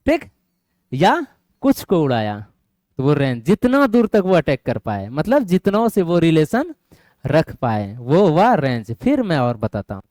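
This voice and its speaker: A man's voice: a little high, huge pitch swings, measured pace, darkish tone, no room sound, clean studio sound. A male math teacher lecturing a classroom of students, often quizzing them and asking if they follow. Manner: quizzes students, keeps asking "getting my point?".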